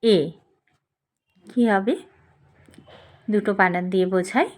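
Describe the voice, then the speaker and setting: Female teacher, unhurried delivery, patient, sounds out every syllable carefully. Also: medium pitch, a little mellow. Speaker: Bengali spelling teacher. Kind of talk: slow instructional lesson.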